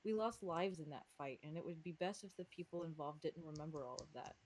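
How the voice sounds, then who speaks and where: A woman with a slight lisp reading the lines of a bitter young man haunted by guilt, in her own low voice. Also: a little fast, darkish tone, a little hiss or hum, close to an everyday voice.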